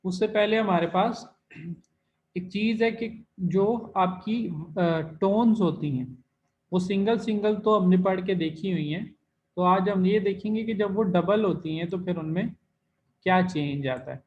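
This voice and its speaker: Slow high-voiced man teaching a class. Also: darkish tone, highs cut off, a little hiss or hum. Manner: slow, explanatory, demonstrates tones by repeating syllables. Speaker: Chinese language teacher. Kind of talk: recorded online class lesson.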